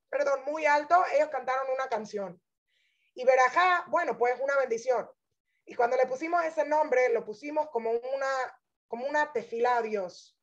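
A woman's voice: sits high, highs cut off. A woman religious teacher telling her personal testimony in an inspirational talk, earnest and emphatic, speaking straight to her listeners.

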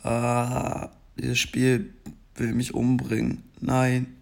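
A young man with a scratchy morning voice offers casual, rambling commentary during gameplay for his gaming videos, occasionally bursting out in frustration between stretches of slow chatter. His voice is medium in pitch, steady and a little mellow.

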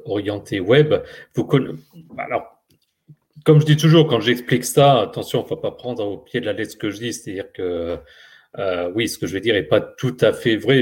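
A man's voice: on the low side, darkish tone, breathy edge. A man on a tech podcast, patiently explaining concepts with simple analogies. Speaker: podcast co-host. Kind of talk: casual explanatory chat.

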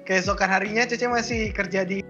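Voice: mid-range voice, fairly even intonation, brisk. A host in casual chat, reacting with short interjections and teasing jokes. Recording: dull lo-fi sound with clear music behind.

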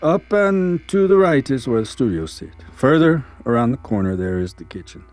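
A man voicing a calm male studio owner with a soft Scandinavian accent, speaking hesitantly and politely. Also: medium pitch, moderate pace, soft background music, pitched above the performer's own voice, natural voice. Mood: calm, hosting.

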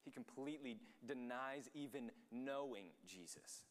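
A man's voice: mid-range voice, a little slow. A young adult man teaching a Bible study in a casual, conversational way. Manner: conversational, acts out the quotes in voices. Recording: long hall reverb.

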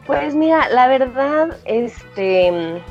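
A woman's voice: sits high, lively intonation, drawn-out words, highs cut off, faint music behind. A woman from Comitán, Chiapas, with a mild Chiapas Mexican accent, a guest in a casual interview, chatting with fillers and frequent laughter.

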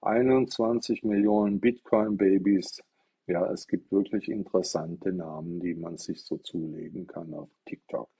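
Man from southwest Germany, live-stream monologue on an iPad mic, loose and rambling, husky and somewhat dark. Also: deep voice, fairly even intonation, a little slow. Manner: rambling, explanatory, poses rhetorical questions. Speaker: livestreamer talking about Buddhism.

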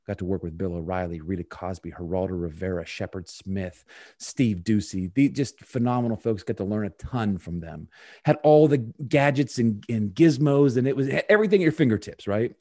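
A man's voice: on the low side, normal speed, warm tone, no echo, studio quality. A man as a podcast guest, chatty and joking, with many fillers. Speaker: performance consultant. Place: Pennsylvania.

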